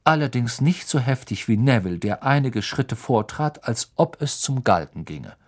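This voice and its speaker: A man's voice: medium pitch, moderate pace. A man narrating a storybook expressively. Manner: expressive, acts out every character. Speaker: audiobook narrator.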